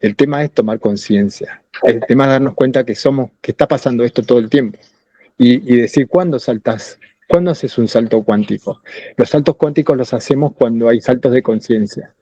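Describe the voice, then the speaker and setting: A man's voice: medium pitch, moderate pace, dark tone, no echo, lo-fi sound. A man with a Rioplatense Spanish accent talking casually on a podcast, rambling through ideas with many restarts. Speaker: podcast co-host.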